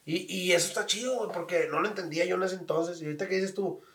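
A man with a higher-pitched voice, chatting casually as host and spinning stories in slang. He sounds a bit distant from the mic, in an echoey room. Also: fast talker, a bit bright. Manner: storytelling, slangy, acts out voices in his anecdotes. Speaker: podcast host. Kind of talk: casual chat.

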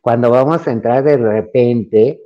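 A lively Mexican man recounts a story as a podcast guest. His middle-pitched voice jumps up whenever he acts out what others said. The audio is a little dull and lo-fi. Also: a little slow. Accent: Mexican Spanish. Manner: animated, acts out quoted dialogue in a raised voice. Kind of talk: casual anecdote telling.

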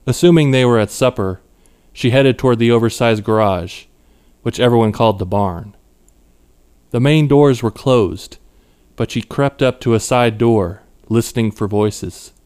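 A man reading his own short story aloud in a measured, even storytelling manner. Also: medium pitch, smooth. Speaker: author narrating his story. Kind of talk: scripted narration.

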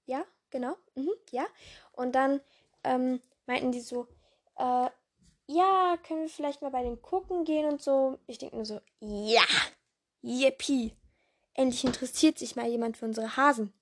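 Hosting a laid-back podcast, a young woman speaks in a high-pitched, hoarse voice at normal speed. She wanders from point to point, using lots of fillers, correcting herself, and switching between different voices.

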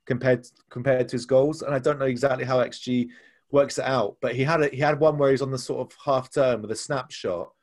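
A man's voice: mid-range voice, steady tone, brisk. A man discussing football casually as a podcast co-host, explaining his points analytically.

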